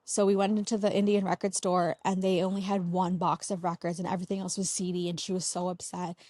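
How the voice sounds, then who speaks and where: A woman's voice: on the low side, level tone, quick pace, warm tone, no echo. A young woman speaks in a loose, chatty way, recounting family memories as an interview guest. Her talk is full of "like" fillers and restarts. The recording is dry and close, with no room sound. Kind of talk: casual storytelling interview.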